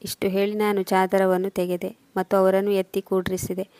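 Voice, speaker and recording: Female narrator reading a family tale steady and mellow, very little pitch movement. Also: normal speed, no echo. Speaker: storyteller. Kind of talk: first-person story narration.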